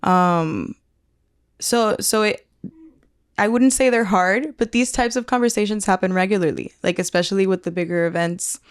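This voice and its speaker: A woman talking candidly as a podcast guest about leading teams, blunt and open, with frequent "like" fillers and quick laughs. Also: mid-range voice, clear, resonant tone, dry recording, studio quality. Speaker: event leader and podcast guest. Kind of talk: casual interview conversation.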